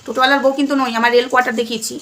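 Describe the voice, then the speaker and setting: A woman's voice: high voice, level tone, very fast, fairly bright tone, slight background noise. A middle-aged woman with a Bengali accent, talking casually and emphatically to her viewers at home and often checking that they follow. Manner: emphatic, repeating "ঠিক আছে?". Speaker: vlogger.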